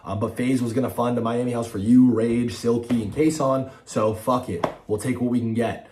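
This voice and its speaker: A man's voice: mid-range voice, fairly even intonation, moderate pace, darkish tone. A man giving an impassioned, blunt personal monologue to viewers, emotional and aggrieved, with heavy casual swearing. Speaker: online content figure giving a personal statement.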